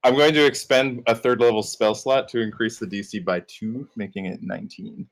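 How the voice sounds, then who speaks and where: A man's voice: medium pitch, normal speed. A man chatting casually as a player in a tabletop role-playing game, explaining his moves.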